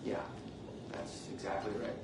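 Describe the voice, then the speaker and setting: An actor playing a friendly, folksy small-town sheriff in a video game. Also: male voice, a little slow, very noisy, close to an everyday voice. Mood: matter-of-fact.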